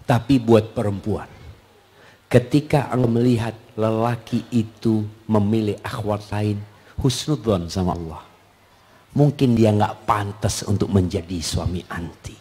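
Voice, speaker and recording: A man's voice: lowish voice, unhurried, slightly rough. A man preaching in a question-and-answer lecture, joking with the audience and acting out scenes between husbands and wives. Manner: lively, acts out husband-and-wife exchanges; jokes with the audience. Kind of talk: Islamic Q&A lecture.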